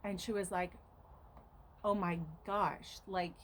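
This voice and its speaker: Her voice mid-range and level, this woman speaks slowly as she retells a frightening accident to her homestead vlog audience, shaken yet earnest and frequently invoking God and prayer. The low-quality audio has a bit of hiss or hum.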